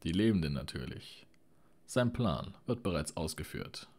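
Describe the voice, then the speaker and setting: A man voicing a smug old male necromancer who speaks in a soft, purring way. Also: low-pitched, big pitch swings, measured pace, full character voice. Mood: silky menace.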